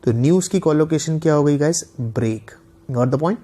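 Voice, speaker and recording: A male teacher giving an online lecture, reading example sentences slowly and often asking the class "got the point?". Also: a little high, mellow. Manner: reads English examples slowly and deliberately, often asks "guys, got the point?". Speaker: English teacher.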